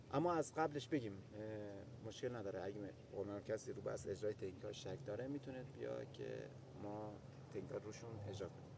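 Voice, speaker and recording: A man's voice: on the high side, a little hiss or hum. A man teaching a self-defense lesson, counting out each step as he demonstrates and calling out to his viewers. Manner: energetic, counts out steps as he demonstrates; chatty, keeps calling out to viewers. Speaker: martial arts instructor.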